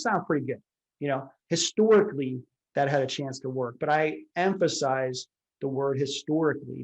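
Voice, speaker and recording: A man's voice: a little high, darkish tone, low-quality recording. A man working as a retirement advisor, explaining a lecture slide by slide in a conversational way, full of fillers and rhetorical questions.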